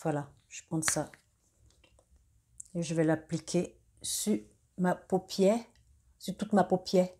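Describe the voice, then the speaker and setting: A young woman talking through a makeup tutorial in a casual, halting way, with many fillers and restarts. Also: fairly low pitch, warm tone. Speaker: beauty vlogger.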